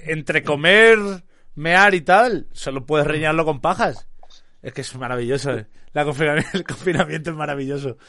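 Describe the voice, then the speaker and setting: A man's voice: on the high side, normal speed, bright, forceful tone, no room sound, clean studio sound. A man from in a casual chat, talking animatedly, laughing often and mimicking others.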